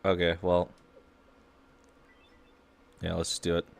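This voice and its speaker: A man's voice: low-pitched, completely flat delivery, slow pace, gravelly. A man casually commenting to himself while playing a game, offhand and muttering. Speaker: gaming streamer.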